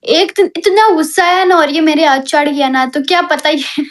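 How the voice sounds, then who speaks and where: Female live-stream host, very high pitch, heated and repetitive when she argues. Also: moderate pace. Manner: animated, heated complaining; repeats herself for emphasis. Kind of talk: casual live-stream chat.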